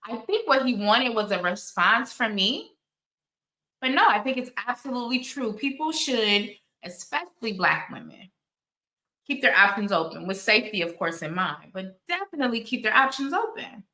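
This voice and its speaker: Bright-voiced woman in her forties, echoey room. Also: on the high side, very animated, normal speed. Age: 40s. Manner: candid, storytelling, many restarts and asides. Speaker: channel host. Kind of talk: casual commentary chat.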